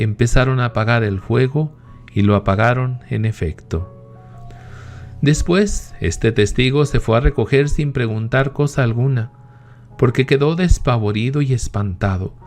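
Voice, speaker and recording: A man reading old testimonies in a solemn, measured scripted narration. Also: mid-range voice, a little mellow. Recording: faint music bed behind voice.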